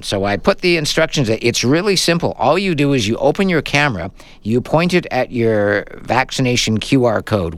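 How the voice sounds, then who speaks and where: A man's voice: medium pitch, no room sound. A man from Canada hosting a radio tech talk show, chatting casually and explaining steps plainly.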